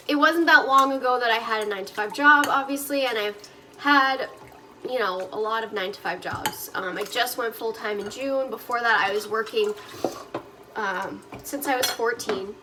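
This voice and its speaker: Standing at her kitchen sink with the water running, a young vlogger and online reseller does the dishes and talks casually to a phone leaning on the windowsill, rambling and saying um a lot. She has a naturally soft, quiet, fairly high-pitched voice, and the background is noisy.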